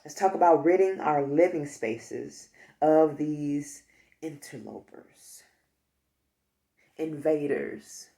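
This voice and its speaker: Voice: medium pitch, takes it slowly, dark tone. A vlogger talking casually to the viewer, rambling and joking, with frequent asides. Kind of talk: casual chat.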